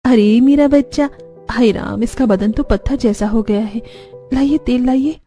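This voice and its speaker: A woman voicing a gentle, devout young village mother who coos tenderly in a cartoon story. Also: fairly high pitch, a little slow, soft background music, close to an everyday voice. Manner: tender, cooing.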